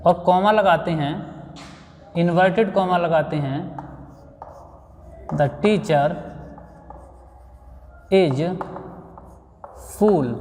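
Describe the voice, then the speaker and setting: Indian guy teaching grammar to kids, slow and patient, highish voice, echoey classroom sound. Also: darkish tone, a little hiss or hum. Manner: patient, explanatory, repeats and restates points. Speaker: school teacher. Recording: echoey room with long reverb.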